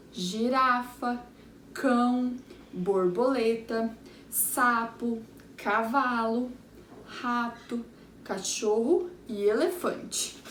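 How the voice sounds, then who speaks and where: This Brazilian primary teacher speaks with a fairly high, slightly bright voice and a Brazilian Portuguese accent. She reviews a lesson for small children, breaking words into syllables. The room echoes, she is far from the microphone, and a faint hum runs underneath.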